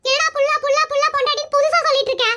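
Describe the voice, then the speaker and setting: A woman voicing a quick-tempered elderly mother-in-law in a cartoon skit, scolding and whiny. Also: little pitch movement, pushed and bright. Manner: shrill, scolding and wailing.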